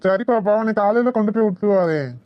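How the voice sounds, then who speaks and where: A woman's voice: medium pitch, fast, lo-fi sound, lightly acted. A woman voicing a kind village man who coaxes and reassures a rescued girl in a cartoon. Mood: coaxing. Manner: coaxing, reassuring. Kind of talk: cartoon voice acting.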